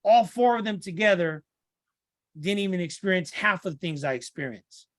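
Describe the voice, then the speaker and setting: Earnest middle-aged man, higher-pitched voice. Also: lively intonation, moderate pace, dry recording, studio quality. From Santa Ana, California. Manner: earnest, repeats himself, many restarts. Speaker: guest. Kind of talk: podcast interview conversation.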